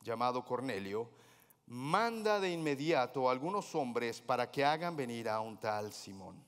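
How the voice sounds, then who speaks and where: A man's voice: mid-range voice, very animated, unhurried. A man preaching as a pastor, telling a story with humor and acting out the dialogue of its characters. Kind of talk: sermon. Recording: hall reverb.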